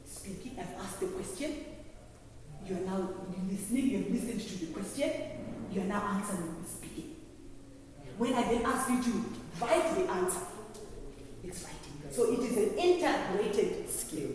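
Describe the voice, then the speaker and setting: A woman giving a classroom lecture, explaining step by step and often pausing to check that students understand. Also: mid-range voice, expressive, a little mellow. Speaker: lecturer teaching trainee early childhood teachers. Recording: very echoey hall, distant mic, faint noise.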